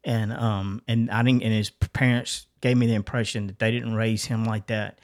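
A man's voice: fairly low pitch, flat delivery, normal speed. A middle-aged man co-hosting a podcast, telling a personal story in a casual, earnest way that rambles and restarts. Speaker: podcast co-host.

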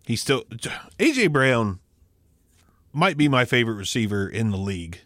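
A man's voice: medium pitch, very animated, normal speed, fairly bright tone, dry recording, studio quality. Joking, blunt man on a remote podcast. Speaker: podcast co-host. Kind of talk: casual fantasy football chat. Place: home, recording remotely. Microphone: remote call mic.

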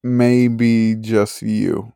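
A man's voice: lowish voice, level tone, extremely slow, vocal fry, mellow, clear, resonant tone, dry recording. A man co-hosting a podcast, chatting casually in a blunt, dry, laid-back way. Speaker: podcast co-host. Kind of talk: casual chat.

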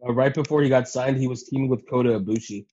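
A man's voice: medium pitch, fairly even intonation, quick pace, crowd noise. A man co-hosting a podcast, giving a casual recap, swearing freely and acting out quotes. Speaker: podcast co-host. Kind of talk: casual animated recap chat. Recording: dull lo-fi voice recording.

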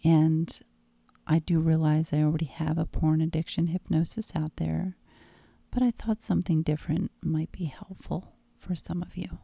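A woman guiding a hypnosis meditation in a calm, soothing tone, soft and breathy, often close to a whisper. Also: low-pitched, moderate pace, no echo. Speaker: hypnosis guide.

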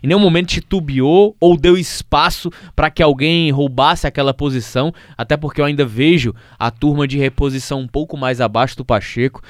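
Cearense football guy breaking down the match, bit high voice, dry mic. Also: fairly quick, hardly any pauses, no room sound. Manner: analytical, thinks aloud with restarts. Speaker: football commentator. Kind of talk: casual sports podcast analysis.

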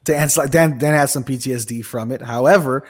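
A man's voice: medium pitch, brisk. An American man hosting a radio show, talking casually and animatedly about sports entertainment.

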